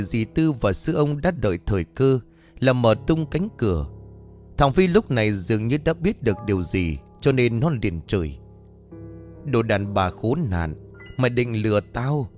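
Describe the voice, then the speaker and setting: A male storyteller reading a ghost story in a tense, dramatic way. His pitch rises and falls with lively expression, and soft music runs faintly underneath. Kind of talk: dramatic horror story narration.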